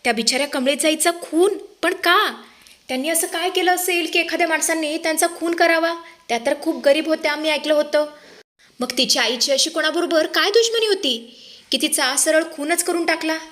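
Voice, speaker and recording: A woman's voice: on the high side, brisk, fairly bright tone, lightly acted. A woman voicing a worried elderly grandmother who asks anxious, pleading questions in a Marathi serial recap.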